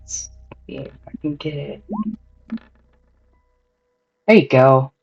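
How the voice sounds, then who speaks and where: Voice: medium pitch, slow pace, gravelly, husky. A game master casually and hesitantly narrating a tabletop role-playing game. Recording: dull lo-fi audio, faint music behind.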